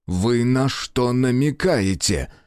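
A man voicing a pompous, quick-tempered male prison official who blusters and hisses. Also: medium pitch, very animated, no room sound, clean studio sound. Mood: indignant. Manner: blustering, hissing when threatening.

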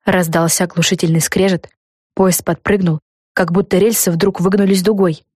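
A woman narrating a children's storybook in a calm, even way. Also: fairly low pitch, normal speed, breathy edge, no room sound, studio quality. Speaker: audiobook narrator.

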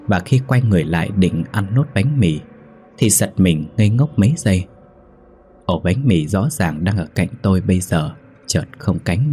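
A man narrating a ghost story in a steady, measured reading. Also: low voice, breathy edge.

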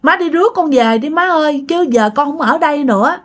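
High whiny pleading ghost of a young man, put on by a woman storyteller. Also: expressive, a little fast. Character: dead young man's spirit pleading on the phone, cold and hungry.

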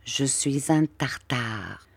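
A woman reading a stern, tyrannical male schoolmaster in a slow, lowered, menacing delivery. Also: expressive, vocal fry, slightly rough, no echo, clean studio sound, exaggerated voice.

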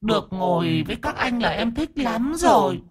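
A man voicing a whiny, sharp-tongued bald male ghost who speaks in a plaintive, sniffling way. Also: sits high, animated, normal speed, a crowd in the background, pitched above the performer's own voice.

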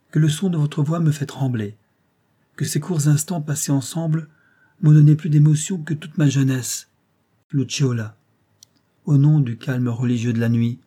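A man's voice: mid-range voice, mellow, husky. A man reading the part of an earnest young foreign lover, pleading in an impassioned way.

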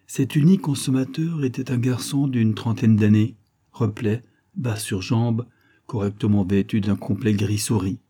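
Low, husky male storyteller. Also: normal speed, warm tone. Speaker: audiobook reader. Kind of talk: literary narration.

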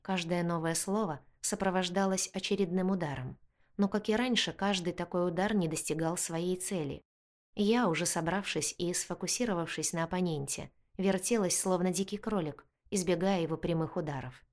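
A woman reading a first-person fantasy story aloud with expressive storytelling. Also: fairly low pitch, moderate pace. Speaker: audiobook narrator.

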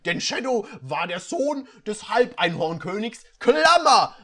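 A reader performing a comedic reading of bad fan fiction, breaking off for sarcastic, deadpan asides. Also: mid-range voice, unhurried.

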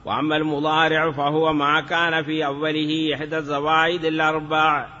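A man's voice: fairly high pitch, completely flat delivery, a little fast, pushed and bright, big-room sound, dull audio. A man teaching Arabic grammar in a patient classroom lecture, repeating examples and chanting some in a sing-song lilt.

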